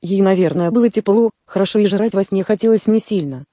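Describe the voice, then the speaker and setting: A woman narrating a story in a steady, even manner, as in an audiobook. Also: mid-range voice, fairly quick, no room sound.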